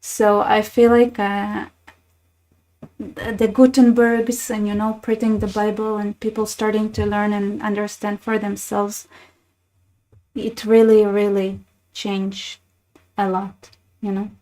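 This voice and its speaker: Flat-toned woman commentator. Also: medium pitch, takes it slowly, low-quality recording. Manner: chatty, wry, many restarts and fillers. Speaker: channel host. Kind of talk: casual commentary reading posts.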